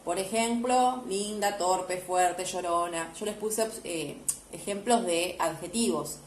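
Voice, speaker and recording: A woman's voice: lowish voice, slow. A woman primary school teacher, explaining homework to children step by step. She is patient and keeps checking that they follow. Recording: echoey room, faint background hiss.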